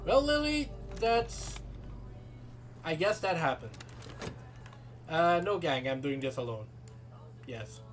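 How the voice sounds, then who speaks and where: A native Dutch speaker from continental Europe, not the British Isles, streams a game with game music playing behind him. His mid-range voice is animated but unhurried, with long pauses, as he reads game text aloud and talks to his chat in a dry, self-mocking way.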